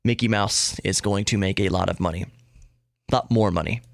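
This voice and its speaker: His voice is fairly low and creaky, moving at a normal speed, and the studio recording is clean and dry. As the solo host of a casual tech and geek news podcast, he rambles, regularly interrupts himself and repeats words for emphasis.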